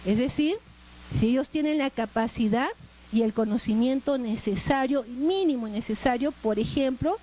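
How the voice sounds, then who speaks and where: A woman's voice: a little high, normal speed, dark tone, a little hiss or hum, poor audio. A middle-aged woman with a Peruvian accent, lecturing a class in a chatty way and often tagging her sentences with questions. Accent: Peruvian Spanish. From Peru. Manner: conversational, frequent "¿no?" tag questions.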